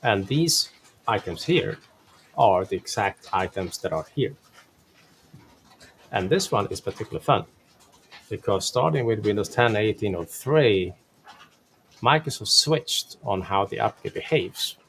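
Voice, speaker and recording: A man's voice: on the low side, lively intonation, measured pace, long pauses. A man giving a casual, informal technical explanation on a live stream. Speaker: tech presenter on a live stream. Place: live stream during a thunderstorm. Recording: clearly noisy live-stream connection.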